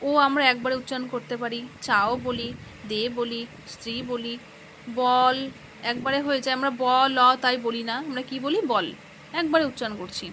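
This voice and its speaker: A woman teacher with a high, bright voice talks through a grammar lesson, sounding out words syllable by syllable. She keeps asking questions and answering them herself. Faint noise hums behind her. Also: normal speed, poor audio. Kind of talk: classroom lesson explaining grammar.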